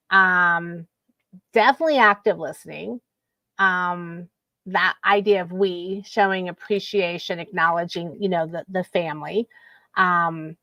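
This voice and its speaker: A woman's voice: on the low side, a bit bright, no room sound. Encouraging woman panel moderator. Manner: encouraging, affirming, wraps up with takeaways. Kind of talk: virtual panel discussion.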